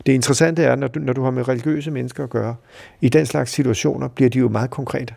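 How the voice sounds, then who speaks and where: A middle-aged Danish man telling a personal story in a halting, reflective way, with many fillers. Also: medium pitch, fairly even intonation, vocal fry, darkish tone, no echo, studio quality. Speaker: interviewee recalling a friend.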